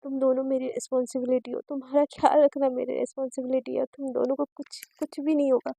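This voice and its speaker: A woman's voice: sits high, level tone, quick pace, creaky, warm tone, no room sound. A woman voicing a desperate young woman who stammers and repeats her words through tears as she pleads for the one she loves. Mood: tearful.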